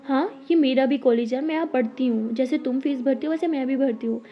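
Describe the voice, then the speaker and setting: A woman's voice: high voice, fairly even intonation, quick pace, close to an everyday voice. Lilly, a woman voicing a proud prickly college girl. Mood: defensive, snappy. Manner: defensive, sharp-tongued. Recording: slightly dull lo-fi audio.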